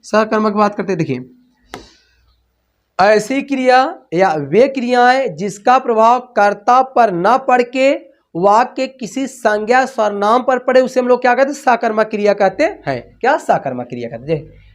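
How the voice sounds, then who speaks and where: A man's voice: high-pitched, lively intonation. A man teaching a grammar lesson, repeating key terms as questions and correcting himself as he writes on a board. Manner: repeats key terms as questions, slow and drawn out when dictating; self-corrects mid-sentence. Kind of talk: online classroom lesson.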